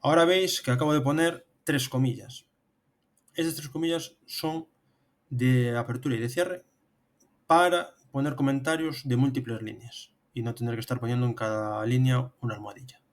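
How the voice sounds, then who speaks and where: A man in his thirties with a Spain Spanish accent works as a programming instructor, narrating a tutorial step by step over a screen demonstration. His mid-range voice keeps a steady tone at a moderate pace.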